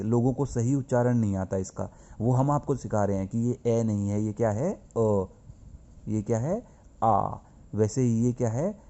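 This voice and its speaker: A man's voice: fairly low pitch, mellow. A male school teacher giving a grammar lesson, explaining patiently and asking and answering his own questions. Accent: Hindi-speaking north Indian.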